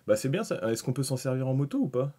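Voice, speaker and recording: A man whose first language is French chats casually on a live stream about hobby miniatures, thinking aloud and rambling with many fillers and restarts. His medium-pitched voice is sing-song, fast and mellow, with a breathy edge.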